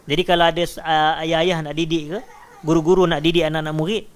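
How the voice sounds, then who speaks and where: A man's voice: little pitch movement, clear, resonant tone. Malaysian man giving a scripture lesson. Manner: recites Arabic verses slowly, then explains them word by word; raises his voice for emphasis, then drops low. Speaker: religious teacher. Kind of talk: religious lecture explaining scripture.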